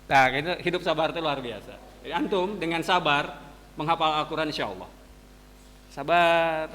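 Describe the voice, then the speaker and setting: A man with a Sundanese accent preaching a dawn sermon to students, telling lively everyday stories. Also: fairly high pitch, in a large hall, slight background noise. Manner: animated storytelling, mixing casual asides and quick sound words. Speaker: religious teacher. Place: mosque hall.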